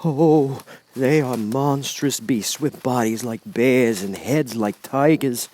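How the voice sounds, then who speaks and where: A man's voice: mid-range voice, a little mellow, a little hiss or hum, lightly acted. A man voicing a big cowardly lion in a storybook, anxious and stammering, with a quavering voice. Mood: dreading, fearful. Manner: stammering, drawn-out fearful exclamations.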